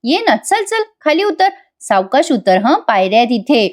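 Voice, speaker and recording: A woman's voice: sits high, sing-song, moderate pace. A woman voicing a tender young husband who coaxes and pleads with his wife. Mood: coaxing. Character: affectionate young husband, gentle and persistent.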